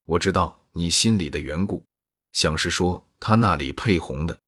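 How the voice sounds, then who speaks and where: Young maid, wry, soft reproach, low husky voice, as a male reader,dry close sound. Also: moderate pace, no echo. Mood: reproachful. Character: young maid, gentle but sharp-tongued.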